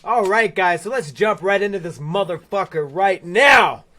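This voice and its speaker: A man hosting an improv comedy show, loud and profane, laughing a lot. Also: sits high, expressive, moderate pace, a little hiss or hum. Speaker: host. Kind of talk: crude improv comedy banter.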